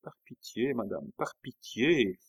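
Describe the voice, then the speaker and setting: A man voicing an anxious young noblewoman who speaks in a hushed, pleading way. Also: medium pitch, animated, unhurried, slightly rough, dry recording.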